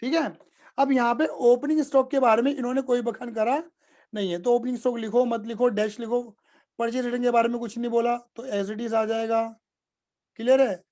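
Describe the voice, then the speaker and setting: A man's voice: very high-pitched, level tone, a little fast, darkish tone. A man teaching accounting in a casual live class, repeating points and often checking whether students follow. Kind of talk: live online class explanation.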